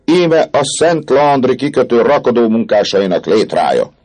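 A man reading aloud and voicing a cocky, boastful young male student who exclaims excitedly. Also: medium pitch, voice pushed up. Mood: triumphant.

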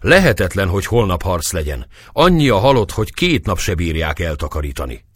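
A man's voice: deep voice, big pitch swings, no room sound, studio quality. A man voicing a weary wounded castle commander. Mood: grave. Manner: gentle, sorrowful.

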